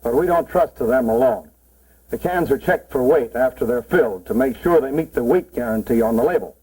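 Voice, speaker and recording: A man's voice: medium pitch, animated, fairly quick, dark tone, breathy edge. A man narrating a 1940s promotional film as a cannery guide, in a plain, instructive mid-century style. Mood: matter-of-fact. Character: cannery man proudly explaining the packing process. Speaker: narrator explaining a cannery tour. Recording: muffled, worn 1940s film soundtrack.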